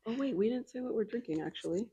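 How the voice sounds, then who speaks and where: A woman co-hosting a casual chat podcast, her speech slightly muffled with a light lisp from clear aligner trays. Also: fairly high pitch, fast, warm tone, dry recording. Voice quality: chatty, wine in hand. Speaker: podcast co-host.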